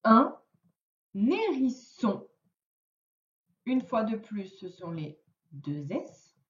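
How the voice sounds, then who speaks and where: A woman with a French accent, giving a recorded reading and spelling lesson to a child with slow, deliberate word-by-word dictation. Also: fairly low pitch, expressive, a little mellow, far from the mic. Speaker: teacher. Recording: dull lo-fi sound in an echoey room.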